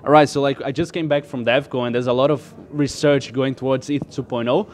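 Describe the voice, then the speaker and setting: A man's voice: medium pitch, fairly even intonation, a little fast, a little mellow, a little hiss or hum. A man from Brazil, a startup co-founder, explaining his project as an interview guest in a loose, filler-heavy way. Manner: explanatory, loose, full of "like" and restarts. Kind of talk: casual tech interview.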